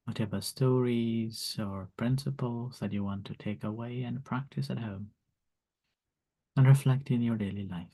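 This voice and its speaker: A monk teaching meditation gently guides a calm grounding exercise, giving slow, soft instructions with long pauses. His voice is medium-pitched and slightly rough.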